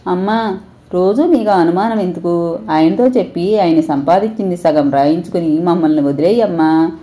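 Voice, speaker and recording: A woman's voice: on the low side, normal speed, mellow, close to an everyday voice. A woman voicing a timid, mistreated young wife who pleads tearfully. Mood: desperate.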